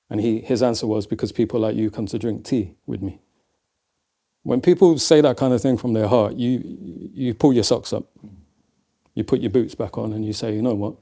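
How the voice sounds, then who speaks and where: Male guest, Leicester English accent, low gravelly mellow voice, reflective storyteller. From England. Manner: reflective, storytelling, says "man" often. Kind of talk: casual conversation.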